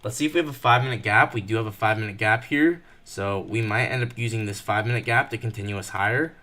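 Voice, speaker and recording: A nervous young man giving fast live commentary while trading, thinking out loud and rushing his words. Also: on the low side. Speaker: day trader streaming live.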